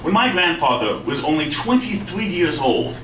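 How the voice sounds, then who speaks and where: A man doing conversational, self-deprecating stand-up storytelling, with a speech impediment that softens his R's toward W. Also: fairly high pitch, big pitch swings, moderate pace. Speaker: stand-up comedian. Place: indoor live stand-up venue with audience. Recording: roomy live club, distant mic, faint noise.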